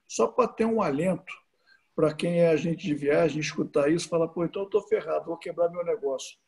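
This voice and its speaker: A man's voice: a little high, brisk, creaky, darkish tone, slightly rough. A man speaking as a guest on a video call, answering questions with many hesitations and restarts. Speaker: tourism association president, guest speaker. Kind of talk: answering questions in an online talk.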